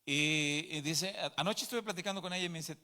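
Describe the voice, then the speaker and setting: A middle-aged man, preaching a sermon to a congregation, passionate and rising to loud cries. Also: fairly high pitch, fairly quick. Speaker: pastor. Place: church before a congregation.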